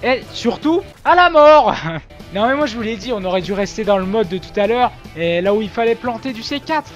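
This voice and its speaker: A man's voice: high-pitched, brisk, highs cut off, faint music behind. A man commenting on his own gameplay with mock-boastful, ironic self-praise. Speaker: gaming video host.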